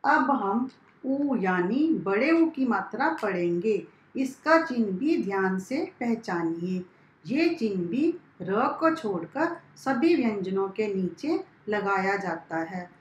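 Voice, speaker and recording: A woman teacher leads a primary school lesson at a very unhurried pace. She spells out each sound carefully, as if for young children. Her voice carries a clear echo from the room around her. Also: medium pitch, expressive, highs cut off, a little hiss or hum. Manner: slow, carefully spelled-out classroom instruction. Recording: echoey room.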